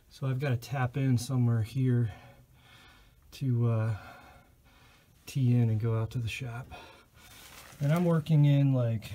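A man's voice: mid-range voice, warm tone, a little hiss or hum. A man casually narrating a do-it-yourself gas heater install, explaining each step in a plain, matter-of-fact way on a handheld camera. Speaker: DIY vlogger. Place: pole barn, roof and crawl space.

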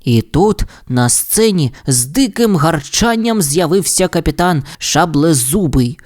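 Lively, playful male storyteller. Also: a little high, measured pace. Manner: expressive, playful. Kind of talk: audiobook fairy tale narration.

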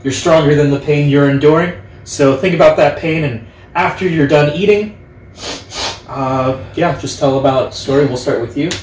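Young guy hosting a casual chat, earnest and kinda halting, far from the mic, echoey. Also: fairly high pitch, a little mellow. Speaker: host. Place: living room, on a couch. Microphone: distant camera microphone. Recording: roomy, distant camera mic, background noise.

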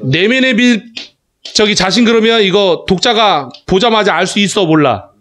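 A man teaching a class of students, talking in a casual, animated way, calling on students by name and checking they follow. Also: sits high, normal speed. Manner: animated, calls students by name, asks "그지?" often. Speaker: academy English teacher. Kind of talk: classroom lecture.

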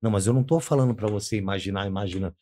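A man's voice: lowish voice, rapid-fire, mellow, no echo. A man hosting an interview, prompting his guest with short questions and interjections. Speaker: podcast host. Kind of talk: interview conversation.

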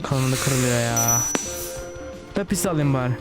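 A man giving casual let's-play commentary, excitable, swearing and talking straight to his viewers. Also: mid-range voice, a little slow, over loud music. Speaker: gaming channel host.

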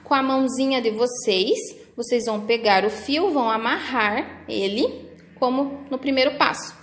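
A woman with a Brazilian Portuguese accent, a preschool teacher patiently walking young children through workbook activities in a slow, sing-song way. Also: on the high side, echoey room.

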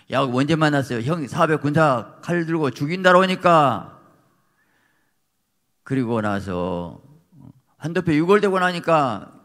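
A man preaching a fiery sermon as pastor, emphatic, swinging from quiet asides to shouted peaks. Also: on the low side. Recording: long reverb of a church hall.

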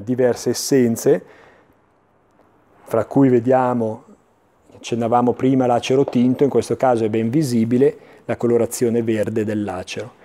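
Mellow-voiced man giving an infomercial presentation. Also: medium pitch. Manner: explanatory, measured, with searching pauses and repetitions. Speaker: antiques dealer presenting items on a TV sales show. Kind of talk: infomercial sales presentation, unscripted. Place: indoor furniture showroom.

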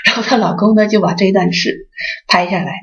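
A woman who heads a Buddhist association, giving a dharma talk with lively storytelling and acted-out voices, in a dull lo-fi recording. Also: mid-range voice, brisk.

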